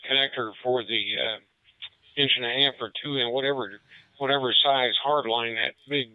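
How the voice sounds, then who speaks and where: A man's voice: medium pitch, steady tone, no echo. Man hesitant ham radio caller over a muffled radio. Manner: hesitant, halting, many "uh" and "um" fillers. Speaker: ham radio net participant. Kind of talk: casual radio net chat.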